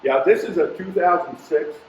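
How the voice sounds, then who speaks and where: A man's voice: a little high, normal speed, a little hiss or hum. Older man telling car stories. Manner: animated anecdote teller, acts out quoted voices. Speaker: car collector guest. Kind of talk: casual storytelling interview. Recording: roomy, dull sound with faint ambience.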